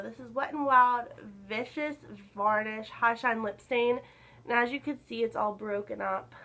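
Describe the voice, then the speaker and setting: Young woman vlogging, kinda hoarse from a cold, bright sharp voice, lots of "like". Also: on the high side, low-quality recording. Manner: chatty, lots of "like" fillers. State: a little hoarse from being sick. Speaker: beauty vlogger. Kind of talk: casual chat to camera.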